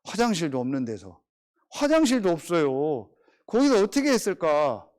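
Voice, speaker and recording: A middle-aged pastor with a strikingly high voice delivers an animated, conversational sermon at a normal speed. His pitch swings widely up and down as he tells stories, and he keeps pushing his listeners with rhetorical questions.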